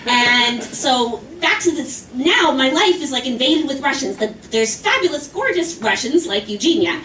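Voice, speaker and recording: A woman's voice: sits high, animated, normal speed, fairly bright tone, a little hiss or hum. A woman performing a stand-up comedy set, telling a rambling, exasperated story in a chatty way and putting on the voices of the people in it. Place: small club or class showcase stage. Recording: roomy, distant mic, faint ambience.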